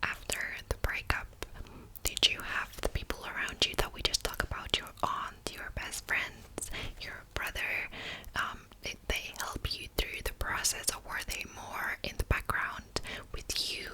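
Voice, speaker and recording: A woman's voice: lightly acted, low-quality recording. Woman playing a whispering therapist, actively listening. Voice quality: breathy unvoiced whisper. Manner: active listening, gentle probing questions with pauses. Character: attentive, patient female psychologist in a therapy session. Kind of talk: whispered role-play.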